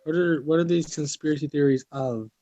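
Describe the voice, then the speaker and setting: A man joining a casual podcast chat with quick joking remarks. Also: a little high, mellow, a little hiss or hum. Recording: dull lo-fi sound.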